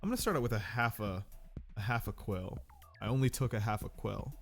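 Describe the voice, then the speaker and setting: A man's voice: on the low side, expressive, fairly quick, vocal fry, soft background music. Nasal, sick man chatting casually. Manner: rambling, self-deprecating, loose and profane. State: sick with a cold. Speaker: game streamer. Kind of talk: casual livestream chat.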